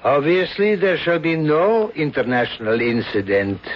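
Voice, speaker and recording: An actor playing a cold, pompous, scheming official with a formal, imperious manner in an old television drama. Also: male voice, on the high side, normal speed, close to an everyday voice. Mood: cold menace. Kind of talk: dated television drama acting. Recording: muffled old broadcast, very noisy.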